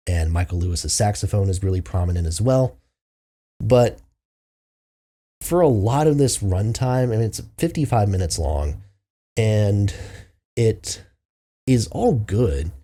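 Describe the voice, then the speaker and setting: Low, husky-voiced man reviewing albums. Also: mellow. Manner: loose, filler-heavy, thinking aloud. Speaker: music reviewer host. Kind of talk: casual album review monologue.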